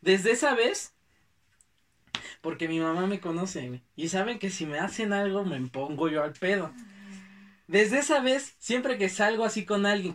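A man's voice: on the high side, recorded from a distance, slight background noise. Young man from Mexico City telling stories. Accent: Mexico City Spanish. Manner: slangy, animated, acts out quotes. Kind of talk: casual chat, storytelling.

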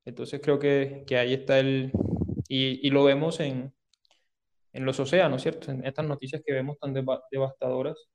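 A man's voice: medium pitch, flat delivery, normal speed, background noise. A man with a Colombian Caribbean coastal accent explains things as an interview guest, hesitantly, repeating words and adding tag questions. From Córdoba, Caribbean coast of Colombia. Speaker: interview guest, engineer and researcher. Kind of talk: spoken interview answers, explanatory.

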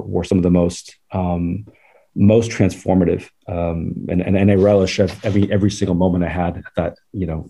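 A man's voice: deep voice, dark tone. A man in his forties from Southern California, a podcast guest telling his life story in a chatty, rambling way that is full of laughs. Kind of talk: casual life-story interview.

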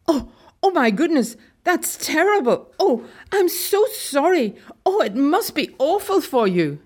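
A woman's voice: sits high, very animated, measured pace, voice pushed up. A woman voicing a flustered, sympathetic young female registry clerk who gushes in breathless exclamations. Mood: shocked pity.

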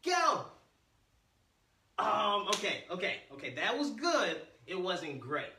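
A man leading an online children's martial arts class with playful, teasing entertainer patter, encouraging instructions and energetic commands. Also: sits high, measured pace, creaky, slight background noise. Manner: energetic counting and barked commands. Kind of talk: livestreamed kids' exercise class, call-and-response instruction. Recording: roomy echo, distant from the mic.

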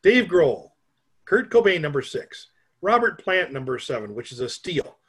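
A middle-aged man from Minnesota, talking in a fairly high voice. He rambles in easygoing podcast chat and pokes fun at himself. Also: sing-song, moderate pace, fairly bright tone, slightly rough. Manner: rambling, joking, self-mocking. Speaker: podcast co-host. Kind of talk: casual chat.

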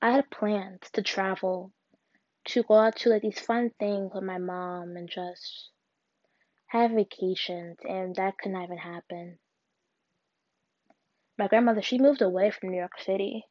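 A young woman hosting a solo podcast, talking in an earnest, halting way with restarts. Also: medium pitch, a little mellow, no room sound. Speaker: podcast host. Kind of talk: solo personal podcast reflection. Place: alone at home. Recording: dull, dry lo-fi recording.

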